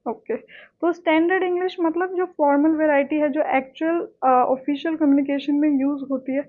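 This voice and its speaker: A woman's voice: high voice, steady tone, normal speed. A woman giving an exam-prep lecture in Hindi mixed with English terms, often checking in with "है ना". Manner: explains in Hindi mixing English terms, frequent "है ना". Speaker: online tutor. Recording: tinny phone-like audio.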